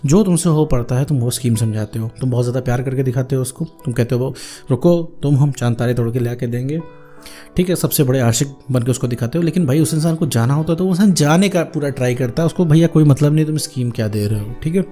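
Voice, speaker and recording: A man's voice: medium pitch, quick pace, hardly any pauses, mellow, faint music behind. A man hosting a relationship advice video, speaking informally and directly to the viewer, often calling them "my friend" and repeating his points for emphasis. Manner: repetitive, emphatic phrasing. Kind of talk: direct-address advice talk.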